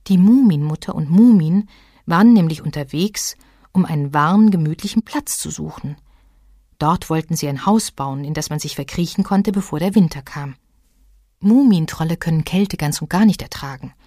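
A woman reading a children's story aloud in an expressive way. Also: sits low, moderate pace, no echo, studio quality.

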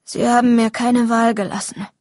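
A woman's voice: on the high side, flat delivery, normal speed, darkish tone, no room sound, clean studio sound, natural voice. Sex: male figure read by a woman. Figure: guilty neighbor. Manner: defensive, apologetic.

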